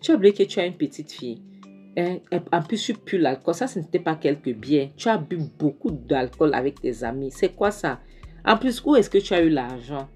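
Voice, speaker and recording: Low-voiced woman recapping a film. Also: moderate pace, soft background music. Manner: animated, exclaiming, shocked asides.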